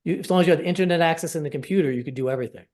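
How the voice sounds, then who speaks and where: A man's voice: fairly high pitch, racing, a little mellow. A man hosting a casual sales webinar over a video call, talking in an upbeat, persuasive and rambling way. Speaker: program host.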